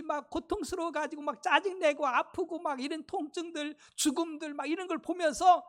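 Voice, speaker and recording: A man preaching a sermon in a church, talking in a conversational style with rhetorical questions, swinging between loud exclamations and hushed asides. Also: extremely high pitch. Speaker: pastor. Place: church sanctuary.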